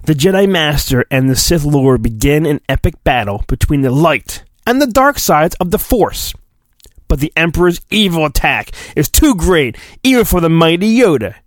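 In a slightly high, sing-song voice, a male podcast host reads a storybook with exaggerated mock drama, stretching his phrases and rambling into goofy asides. The recording is dry.

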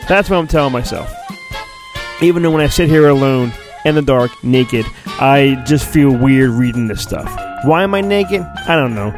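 Over music, a man with a medium-pitched, lively voice reads a storybook at normal speed for his podcast. The delivery is mock-dramatic and theatrical, full of self-mocking asides and frequent muttered interruptions.

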